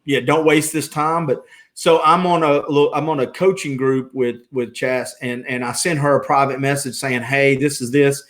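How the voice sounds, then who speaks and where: A man's voice: medium pitch, steady tone, normal speed, fairly bright tone. A middle-aged man hosting a casual podcast interview, talking in rambling, self-interrupting stretches. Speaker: podcast host.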